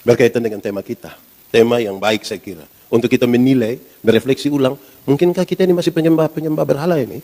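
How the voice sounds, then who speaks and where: A pastor in his forties, preaching a lively sermon and asking the congregation questions. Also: mid-range voice, fast talker. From Indonesia. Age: 40s.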